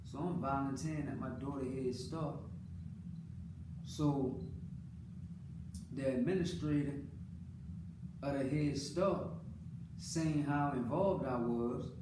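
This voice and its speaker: In a mid-range voice, an earnest American father takes his time and pauses often while talking casually about his own life. The monologue is unscripted and colloquial, and he repeats phrases for emphasis. It's captured on a distant mic, sounding roomy against a clearly noisy background.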